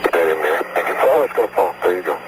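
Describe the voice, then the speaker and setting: A man's voice: low-pitched, lively intonation, fast, very noisy. A man talking as an astronaut over an archival radio link, chatting casually with a crewmate as he works. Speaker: astronaut on a moonwalk. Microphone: headset in spacesuit.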